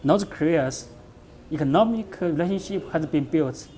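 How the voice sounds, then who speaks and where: Higher-voiced man with a Chinese accent. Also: expressive, warm tone. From China. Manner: halting, emphatic, repeats words for stress. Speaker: professor, interviewee. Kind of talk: interview, analytical commentary.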